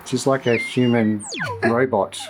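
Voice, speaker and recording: A man's voice: medium pitch, fairly even intonation, measured pace. A man, joking and asking questions while hiking outdoors, filmed on a handheld camera. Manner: joking, playful, interviewing his partner. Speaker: travel vlogger. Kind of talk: casual vlog chat. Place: outdoors on a mountain hiking trail. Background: background music.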